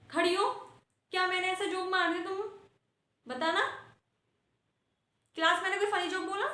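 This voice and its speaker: A woman with a high voice plays a strict schoolteacher in a comic sketch. She lectures and scolds her class, and the sound rings in an echoey room. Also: sharp tone. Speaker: sketch performer playing a teacher. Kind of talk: scripted comedy sketch.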